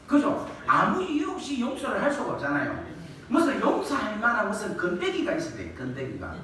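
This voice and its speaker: Man, revival preacher, animated delivery, echoey church hall, distant mic. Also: high voice, a little fast, a little hiss or hum. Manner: lively, colloquial, asks the congregation questions and acts out quoted scolding. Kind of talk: revival sermon with call and response. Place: church sanctuary.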